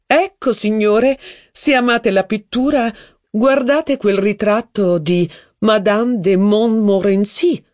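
An audiobook reader voicing an older, dignified aristocratic marchioness who speaks in a composed, measured, slightly dry way. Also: medium pitch, darkish tone, no room sound, pitched above the performer's own voice, close to an everyday voice. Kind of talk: audiobook reading.

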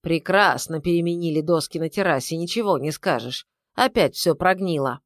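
A woman's voice: fairly low pitch, moderate pace, dry recording, studio quality, natural voice. A woman voicing a sarcastic, irritable middle-aged husband who grumbles. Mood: grumbling.

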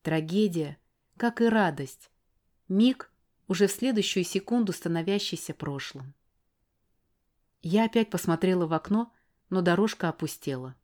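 A woman narrating a novel in the first person, in a calm, even storytelling manner. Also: fairly low pitch, moderate pace, pauses often. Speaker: audiobook narrator.

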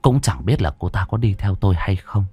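A man telling a ghost story in a dramatic, expressive way. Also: fairly low pitch, a little fast, husky. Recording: dry close studio voice.

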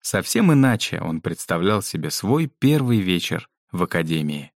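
A man narrating a children's book aloud in an expressive way, giving each character a voice. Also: low-pitched, moderate pace, creaky, dry recording, studio quality. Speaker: audiobook narrator.

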